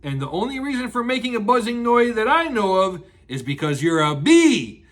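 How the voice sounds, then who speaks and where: A slow-thinking, honey-loving storybook bear played by a man, bright and very expressive. He muses ponderously and repeats himself, in the rambling manner of a grandpa's story. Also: sits high. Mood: ponderous musing. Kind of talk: children's storybook read-aloud.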